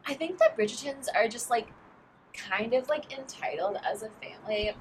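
A woman's voice: on the high side, moderate pace, background noise. A young woman co-hosting a podcast, chatting in a giggly, playful way. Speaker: podcast co-host. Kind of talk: casual chat.

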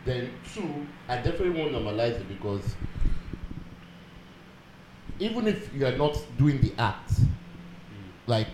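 A Nigerian man talks through his view in a casual group chat, earnest and patient, building his point from everyday examples. His voice rings in an echoey room with clear background noise behind it. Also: mid-range voice, big pitch swings, a little slow, long pauses. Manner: earnest, explains with worked examples. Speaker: panelist.

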